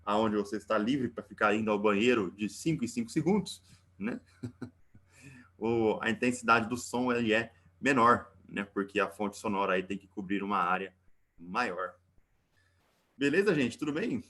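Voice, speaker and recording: A Brazilian physics teacher runs a live online class, chatty and full of teasing jokes, ending almost every phrase with a questioning "né?". His voice is fairly low, expressive and fairly bright, at a normal speed.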